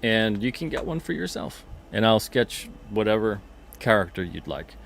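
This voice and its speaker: A man's voice: fairly low pitch, big pitch swings, normal speed, creaky, a bit bright. A man hosting a casual livestream, chatting loosely, repeating himself and reading out viewer comments. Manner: chatty, rambling, repeats himself, reads chat comments aloud. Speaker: podcast host and comic publisher.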